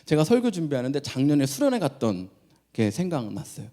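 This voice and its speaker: A man's voice: a little high, big pitch swings, a little fast, warm tone. A middle-aged man, a pastor, leading a prayer and then preaching a sermon, telling family stories and playfully acting out his children's voices. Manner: storytelling, playfully acts out children's voices, laughs often.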